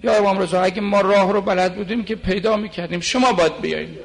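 A man in his forties preaching a religious sermon, who moves between plain conversational talk and slow, drawn-out chanting of lines of poetry. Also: sits high, steady tone, creaky. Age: 40s.

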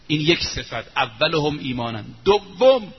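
A man preaching a sermon, telling a story emphatically and drawing out quoted phrases slowly. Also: a little high, big pitch swings, slightly rough. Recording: muffled lo-fi recording, faint hiss.

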